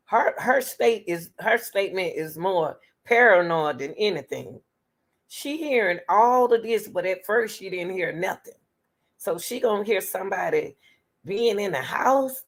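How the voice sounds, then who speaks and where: Animated woman reacting to a case. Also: lowish voice. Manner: animated, talks straight to the audience, exclaims and questions; breaks off reading to argue with the material. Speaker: true-crime commentary host. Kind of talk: casual commentary reading case details to viewers.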